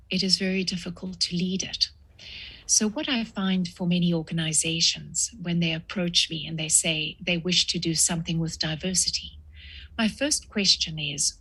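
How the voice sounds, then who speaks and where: A woman in her sixties from South Africa, a guest author answering podcast interview questions in a measured way with frequent pauses. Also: on the low side, a bit bright, breathy edge.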